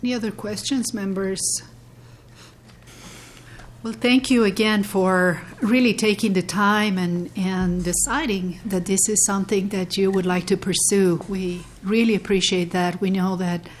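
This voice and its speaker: A woman chairs a legislative committee hearing. Her voice sits in a middle pitch and her speech is halting, full of fillers and restarts. A faint hiss of room noise runs underneath. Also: fairly even intonation.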